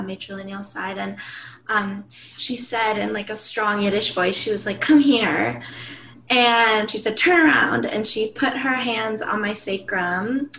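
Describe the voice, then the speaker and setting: A woman with a bright, gravelly voice shares a personal story in an online group. She talks earnestly and pads her phrases with "like", and her voice sounds a little roomy. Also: mid-range voice, slight background noise. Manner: earnest, many "like" fillers. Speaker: workshop participant. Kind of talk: personal sharing.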